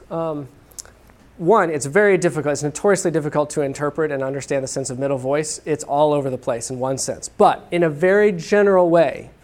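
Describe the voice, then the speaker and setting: A man's voice: a little high, a little mellow. A man preaching a sermon to a congregation in a casual, conversational way, often checking in with "okay?". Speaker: pastor. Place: church room with congregation.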